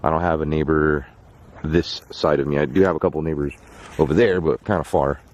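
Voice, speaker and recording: A man's voice: rumbling low, fairly even intonation, a little fast, a little mellow, dull audio. A man in his thirties hosting a casual night vlog outdoors on a handheld camera. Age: 30s. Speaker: host. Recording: faint outdoor background noise.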